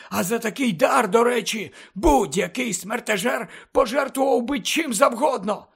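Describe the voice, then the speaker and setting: A man voicing an elderly wizard headmaster who lectures urgently and emphatically, often close to shouting, in an audiobook reading. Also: very high-pitched, vocal fry, voice pushed up, exaggerated voice. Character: elderly male wizard headmaster, fervent and impassioned.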